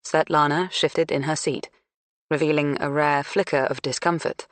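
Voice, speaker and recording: A woman narrating an audiobook in a measured, even storytelling manner. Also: low-pitched, no room sound. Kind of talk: scripted narration.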